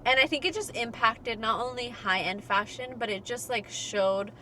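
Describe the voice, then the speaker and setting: A woman's voice: fairly high pitch, moderate pace, sharp tone, a little hiss or hum. A young woman co-hosting a casual fashion podcast, chatty and full of fillers, laughing easily. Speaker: podcast co-host. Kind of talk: casual chat.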